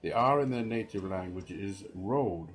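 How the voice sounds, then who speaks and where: Slow, enunciating male ESL teacher. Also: on the low side, expressive. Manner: slow, deliberate enunciation with drawn-out example words. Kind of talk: pronunciation lesson. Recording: echoey room with long reverb.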